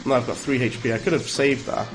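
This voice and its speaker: Over music, a Welsh-accented man in the mid range talks quickly and steadily while livestreaming a game. He chats casually, welcomes viewers, and reacts out loud to the gameplay while replying to chat.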